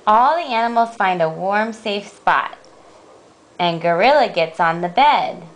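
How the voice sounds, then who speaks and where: A woman reading a picture book aloud to a child at bedtime at home, slow, gentle and playful. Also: medium pitch, animated. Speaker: parent reading a bedtime story.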